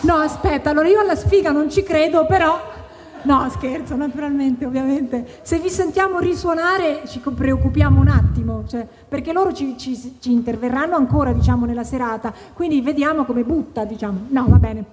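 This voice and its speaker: Brief: high, chatty woman host, live onstage banter, long reverb, faint noise. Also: a little mellow. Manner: chatty, joking, quick to banter. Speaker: event host and interviewer. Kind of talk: casual live onstage conversation. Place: outdoor tent at an evening wine festival.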